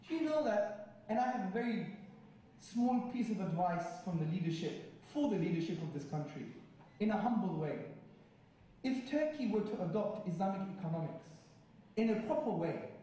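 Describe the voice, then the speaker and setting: A man's voice: sits high, mellow. A man giving an impassioned public lecture with emphatic, repetitive oratory. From Britain. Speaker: Islamic speaker addressing an audience. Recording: very echoey hall, mic far off, faint noise.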